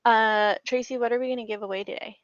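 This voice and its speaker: A woman's voice: a little high, steady tone, fast, dry recording. A woman co-hosting an online user group meetup, chatty and laughing often, on a video call. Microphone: home microphone on a video call. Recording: dry, dull, lo-fi call audio.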